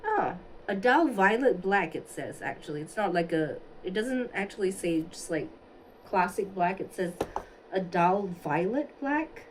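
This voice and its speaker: A Singaporean beauty livestreamer chats casually while doing a makeup look, thinking aloud as she answers viewers. Her medium-pitched voice has lively intonation and moves a little slowly. The phone on a stand gives a rough recording with a little hiss or hum.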